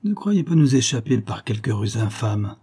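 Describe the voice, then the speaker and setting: A man voicing a bold, proud young bandit chief who speaks with calm contempt and barks orders in an audiobook tale. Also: medium pitch, moderate pace, husky. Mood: defiant. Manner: contemptuous, commanding.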